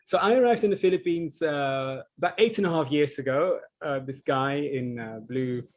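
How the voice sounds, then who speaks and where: Presenter: a man from the Netherlands, in his thirties, thoughtful and a bit halting, on a conference call. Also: a little high, rough recording. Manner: earnest, reflective, with frequent ums. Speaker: social enterprise founder presenting. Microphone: video call.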